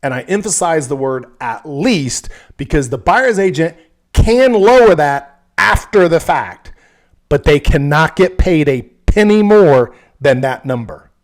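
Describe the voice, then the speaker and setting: A man's voice: fairly high pitch, lively intonation, unhurried. A man working as a real estate agent, explaining things frankly and casually, often checking in with "okay?".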